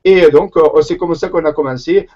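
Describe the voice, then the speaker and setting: A man's voice: on the high side, moderate pace, warm tone, highs cut off. A man with a Marseille accent, speaking as an interview guest in a hesitant way, with lots of fillers and restarts. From Marseille, southern France. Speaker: guest researcher. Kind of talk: conversational interview.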